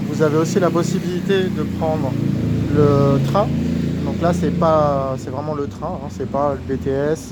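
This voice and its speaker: A man giving a casual walking tour as a vlogger, his voice slightly muffled through a face mask, outdoors on a busy street. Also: mid-range voice. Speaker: vlogger, street food guide. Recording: outdoor street recording with clear traffic noise. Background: urban street noise, vehicles.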